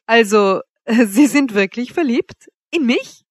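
A woman's voice: fairly low pitch, expressive, moderate pace, no echo, clean studio sound. A woman reading an audiobook, voicing a haughty young noblewoman who teases her suitor with cool mockery. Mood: mocking. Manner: teasing, coolly mocking. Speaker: princess Wanda.

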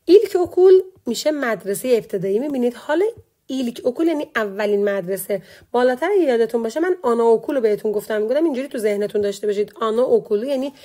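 Warm-voiced woman teaching a language. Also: on the high side, animated. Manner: explains slowly, repeating words and translations. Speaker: Turkish teacher. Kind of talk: online language lesson, reading a word list.

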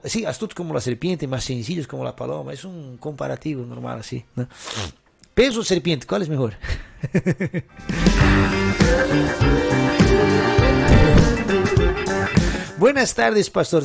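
In a mid-range voice marked by vocal fry, a little mellow and breathy at the edges, a middle-aged pastor delivers question-and-answer sermon advice. Rhetorical questions abound, and he keeps tacking short checks onto his sentences.

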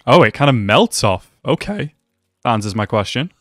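Lively young man reacting excitedly. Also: mid-range voice, normal speed, no echo, studio quality, faint music behind. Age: young adult. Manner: animated, exclaims and laughs often. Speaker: anime reaction youtuber. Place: small room at home.

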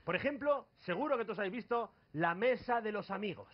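High-voiced Spanish man doing stand-up. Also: expressive, a little fast, highs cut off. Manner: jokey, punchy delivery. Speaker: comedy duo host. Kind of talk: stand-up comedy routine. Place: comedy club stage.

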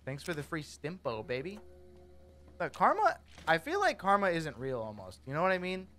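A man chatting loosely over his gameplay, cracking jokes and talking back to the characters. His voice sits slightly high and swings widely in pitch. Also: wildly swooping pitch, moderate pace, bright, forceful tone, soft background music. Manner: goofy, rambling, jokey, talks to characters. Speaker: gaming streamer. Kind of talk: casual gameplay commentary.

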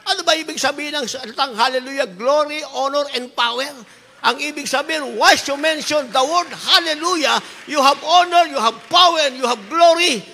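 A woman's voice: high-pitched, sharp tone, big-room sound. A woman preacher giving an impassioned sermon, fervent and repetitive, slipping between languages. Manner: fervent, repeats "beloved" refrain, switches into English.

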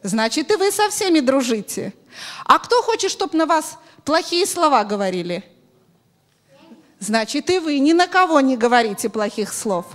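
High female voice, middle-aged, children's teacher, interactive storytelling, expressive questioning delivery, handheld mic in a hall. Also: moderate pace. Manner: expressive, questioning, instructive, addressing children by name. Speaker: children's Sunday school teacher. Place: large bright church hall with audience of children. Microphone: handheld microphone.

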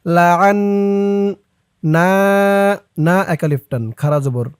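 A man teaching Quran reading, chanting verses slowly and then briskly explaining pronunciation, recorded close and dry. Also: on the high side, warm tone, no echo. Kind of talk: recitation lesson, reciting then explaining.

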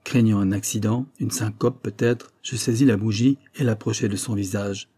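A man narrating an audiobook in a measured, dramatic storytelling manner. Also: fairly low pitch, fairly even intonation, dark tone, husky, no room sound.

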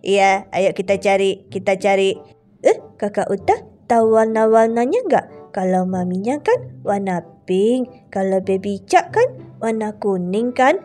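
A woman voicing a cheerful, helpful young boy in a game drama, with a put-on low, gruff tone. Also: unhurried, dark tone, soft background music, lightly acted.

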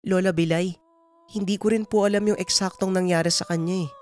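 A man voicing a gentle, worried middle-aged village mother who soothes and pleads. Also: high-pitched, steady tone, a little fast, clear, resonant tone, pitched above the performer's own voice, close to an everyday voice. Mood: pleading.

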